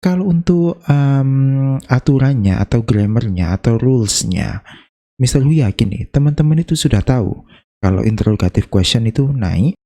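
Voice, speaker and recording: A man from Indonesia teaching an English lesson in a casual, chatty way, slowing down to act out example questions. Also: medium pitch, warm tone. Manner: chatty, playful, slows down to demonstrate intonation.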